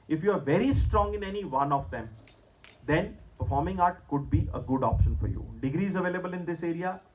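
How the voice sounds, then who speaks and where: A middle-aged man with an Indian accent lecturing students in an emphatic, measured way, as a career seminar presenter. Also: on the high side, poor audio. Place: school hall stage, indoors at a podium.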